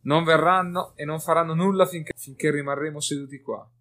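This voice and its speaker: A man's voice: fairly high pitch, steady tone, a little fast, fairly bright tone, voice pushed up, lightly acted. A man voicing a weary male warrior, speaking earnestly with his voice lifted a little, with faint music behind.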